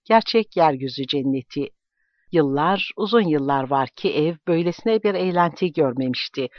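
A man narrating a novel in a measured, even storytelling manner. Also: a little high, no echo. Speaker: audiobook narrator. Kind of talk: scripted novel reading. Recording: dull lo-fi dry recording.

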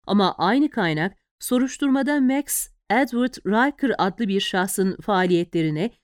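A woman's voice: on the high side, a little mellow, smooth, no room sound, clean studio sound, close to an everyday voice. A woman reading an audiobook, voicing a shrewd female reporter who speaks earnestly and persuasively to a friend.

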